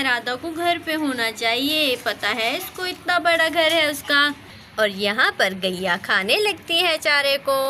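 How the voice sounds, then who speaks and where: A woman narrating a children's doll story, lively and exclaiming, talking to the children. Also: sits high, a little hiss or hum.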